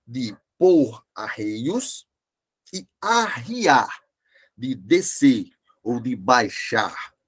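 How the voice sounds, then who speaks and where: Over a video call, a Portuguese language teacher lectures an online class on grammar. His lively voice swings widely in pitch, and he slows down and repeats key words so his students can keep up.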